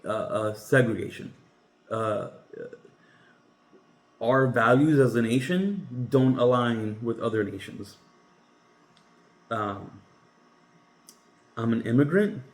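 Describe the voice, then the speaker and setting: A man's voice: mid-range voice, slow pace, long pauses. A man from Cuba hosting a podcast, giving his opinions in a casual, emphatic monologue that often halts and restarts. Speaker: podcast host. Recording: roomy echoey room sound.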